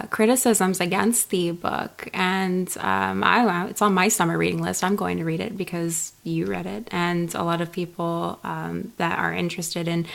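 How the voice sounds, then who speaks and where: Earnest woman co-hosting a podcast, slightly gravelly. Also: on the low side, fairly bright tone. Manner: earnest, chatty, quick to agree. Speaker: podcast co-host. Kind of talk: casual podcast chat.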